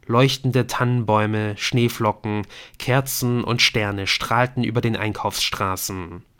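Brief: male audiobook narrator, low voice, slow and measured. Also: clean tone. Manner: measured, even storytelling.

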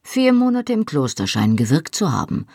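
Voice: mid-range voice, very animated, brisk, vocal fry, a little mellow, slightly rough, dry recording, clean studio sound, full character voice. A reader voicing a man who mocks a comrade, in a teasing drawl. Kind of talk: audiobook character reading.

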